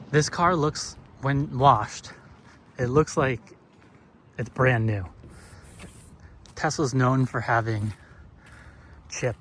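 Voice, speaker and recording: A man's voice: mid-range voice, slight background noise. Casual man chatting outdoors while washing a car. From northeastern United States. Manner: relaxed, rambling, filler-heavy. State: slightly out of breath. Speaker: vlogger.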